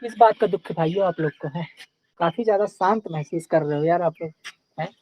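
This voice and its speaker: A man's voice: high voice, brisk, dull audio. A young man teaching a live online class in a casual, chatty way, often checking in with his students.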